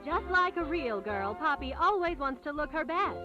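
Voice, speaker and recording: A woman playing a cheerful announcer in a vintage toy commercial, slow and singsong. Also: high-pitched, expressive. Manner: slow, bright, singsong selling. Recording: dull old ad under loud music.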